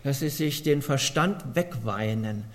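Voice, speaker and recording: A man's voice: mid-range voice, a little slow. A man preaching a sermon in an earnest way, asking the congregation many rhetorical questions. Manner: earnest, asks rhetorical questions, varies loudness a lot.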